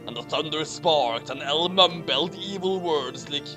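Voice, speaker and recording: A host and reader with a medium-pitched voice and measured pace stages a comedic dramatic reading of a garbled fan story. The tone is theatrical and mock-outraged, and music runs behind the recording.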